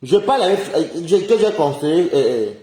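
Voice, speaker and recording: Animated man ranting indignantly. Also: a little high, brisk, slight background noise. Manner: indignant, rhetorical questions, frequent chuckles. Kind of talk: casual live-stream rant. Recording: roomy echoey recording.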